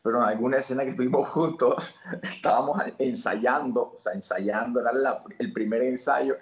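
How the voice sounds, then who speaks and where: Colombian caribbean guy telling stories on a podcast, mid-pitched voice, bit of room echo. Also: normal speed, a little hiss or hum. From Colombia, Barranquilla. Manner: animated storyteller, laughs while acting out lines. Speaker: actor guest. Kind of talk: casual interview chat.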